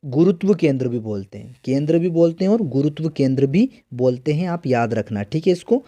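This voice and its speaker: A man's warm, slightly high voice moves a little fast with lively intonation as he teaches math for an exam. He asks questions, answers them on his students' behalf, and repeats key terms constantly. Guitar music plays behind him in an echoey room.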